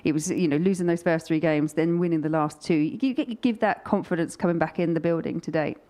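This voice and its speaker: A woman's voice: low-pitched, a little fast, dark tone. A woman giving conversational analysis as a sports pundit.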